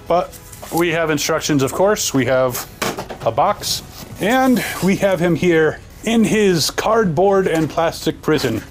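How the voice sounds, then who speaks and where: A man talks through an unboxing, his voice sitting a little above the usual for a man. He keeps it casual and wisecracking, slipping jokes between observations. Soft music hums faintly behind him. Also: on the high side, lively intonation, slow pace. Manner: joking, wisecracking asides. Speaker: toy reviewer and host.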